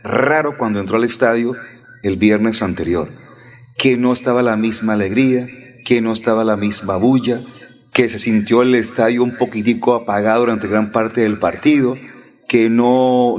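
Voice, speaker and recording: A man's voice: medium pitch, fairly even intonation, normal speed. A man hosts a sports radio show in a mid-range voice. He talks bluntly and combatively, digging in on his opinions. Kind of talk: heated radio debate.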